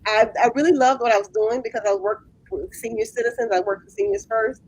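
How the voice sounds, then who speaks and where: A woman's voice: a little high, lively intonation, fast, vocal fry, a little mellow, husky, poor audio. A woman in her late fifties, a guest business owner, earnestly explaining her craft step by step in a casual interview. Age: 50s.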